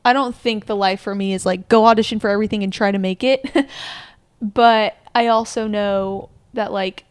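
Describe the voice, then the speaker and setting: A young woman in her twenties chats earnestly on a podcast and thinks aloud as she goes. Her voice is smooth and clear at an ordinary pitch. The sound is dry and close. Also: fairly even intonation, moderate pace, no room sound. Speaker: podcast co-host. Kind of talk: casual reflective chat.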